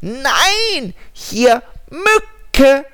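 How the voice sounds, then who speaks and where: A man voicing a tiny, cheeky, stubborn female mosquito in a storybook with a high squeaky voice. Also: sing-song, very slow, bright, forceful tone, exaggerated voice. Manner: high squeaky repeated phrase.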